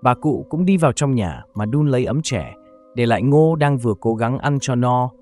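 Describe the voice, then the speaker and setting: A man narrating a scripted horror story in a steady storytelling delivery. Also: medium pitch, moderate pace, soft background music.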